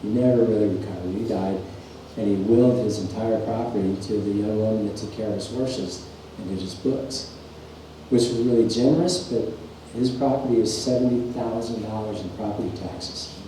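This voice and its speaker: A middle-aged farrier instructor tells folksy, rambling stories during a clinic presentation in a large workshop or clinic hall. His voice is on the low side and dark in tone, at a moderate pace. The mic sits far off in an echoey shop, with a faint hum underneath.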